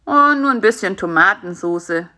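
A woman voicing a greedy, grumbling male spider in a children's audiobook, talking in a low, sulky tone. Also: lively intonation, moderate pace, bright, forceful tone. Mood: matter-of-fact.

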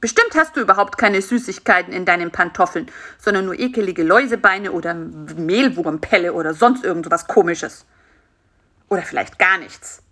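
A woman voicing a cheeky, nosy and bossy male fly in a children's story, talking in an excited, scolding way. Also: lowish voice, moderate pace.

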